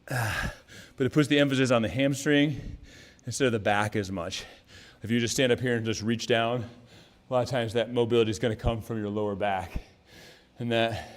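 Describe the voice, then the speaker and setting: A man talks viewers through a strength and mobility workout while exercising himself. He breathes out hard between moves and keeps a relaxed, chatty coaching manner at an ordinary mid-range pitch. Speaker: fitness trainer. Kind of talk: workout instruction.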